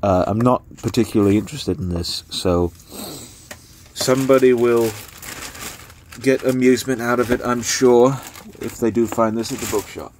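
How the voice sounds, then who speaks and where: A man's voice: mid-range voice, fairly even intonation, a little mellow, a little hiss or hum. A young man casually talking through books he is giving away, rambling with lots of fillers. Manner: rambling, filler-heavy, unhurried. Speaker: book vlogger. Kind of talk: casual spoken book review.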